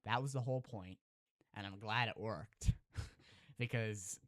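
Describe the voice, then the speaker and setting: A Minecraft YouTuber with a lowish voice earnestly tells an emotional story, then chats casually with viewers, calling them "chat" and using fillers and restarts. He slows and softens at heartfelt moments, and the recording is dry and studio quality.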